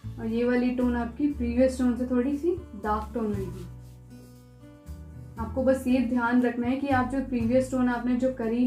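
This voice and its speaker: A woman art teacher talking through a step-by-step pencil shading tutorial, patient and repetitive, softly guiding the viewer. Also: a little high. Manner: patient, repeats instructions, soft and unhurried. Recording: echoey room with faint music.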